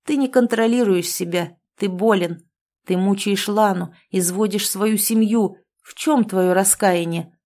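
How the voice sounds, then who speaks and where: Brief: a woman voicing a vengeful man in an audiobook, cold and mocking, dark-toned. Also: medium pitch, measured pace, close to an everyday voice. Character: vengeful man, the first-person hero.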